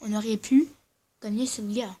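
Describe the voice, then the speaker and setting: Dark in tone, medium in pitch, and fairly even in intonation, this voice has a little hiss or hum. The speaker, a gaming video host, wears dental braces that make their speech slightly slurred and odd, and they narrate gameplay casually, hesitantly, often correcting themselves.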